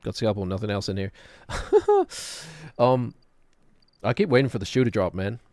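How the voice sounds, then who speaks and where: A middle-aged man commentates a game casually. His voice is on the low side and recorded dry. He muses wryly and rambles as if to himself. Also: big pitch swings, moderate pace, darkish tone, dry recording. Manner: musing, wry, talks to himself. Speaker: gaming streamer.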